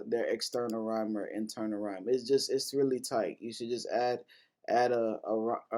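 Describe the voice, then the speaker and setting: Relaxed man casually explaining rap lyrics. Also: lowish voice. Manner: loose and informal, many fillers and restarts, casual swearing. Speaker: host breaking down rap lyrics.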